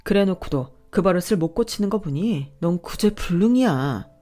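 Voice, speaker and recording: A woman's voice: lowish voice, animated, moderate pace, faint music behind, natural voice. Woman playing a furious, scolding young wife. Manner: sharp, scolding, shouting.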